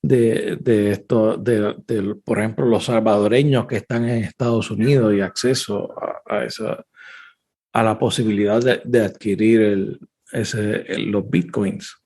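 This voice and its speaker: A man hosting an interview podcast, asking questions in a halting way with frequent restarts. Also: lowish voice, steady tone, darkish tone, husky. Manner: halting, restarts phrases often. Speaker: podcast host.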